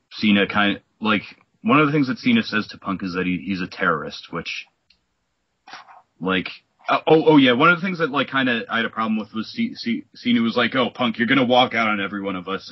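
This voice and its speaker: A man with a lowish, husky voice talks through a wrestling recap in loose, rambling casual chat, full of fillers and restarts. The sound is dry and a little muffled, like a cheap home podcast mic. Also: brisk, no room sound. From New York. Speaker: podcast co-host.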